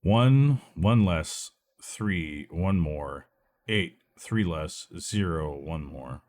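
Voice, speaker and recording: A let's play gamer, congested and recovering from a cold, rambles and thinks aloud while playing a video game, his voice stuffy and nasal. It sits low with a darkish tone, and he's animated despite talking very slowly in this casual gameplay commentary.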